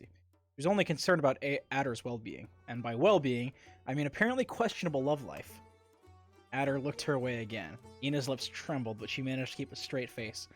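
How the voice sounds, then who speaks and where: A man's voice: mid-range voice, no room sound. A man narrating a visual novel on a live stream, reading the text with wry asides of his own.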